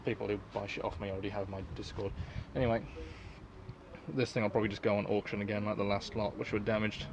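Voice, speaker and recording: A man with a fairly low voice talks through a casual, unscripted review. He rambles in an offhand way and swears freely. Faint noise sits in the background of the recording. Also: flat delivery, quick pace. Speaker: collector and reseller reviewing gas masks.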